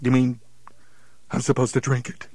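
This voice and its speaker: A man's voice: medium pitch, completely flat delivery, normal speed, a little mellow, dry recording. A man playing the incredulous, exasperated straight man in a scripted radio comedy dialogue.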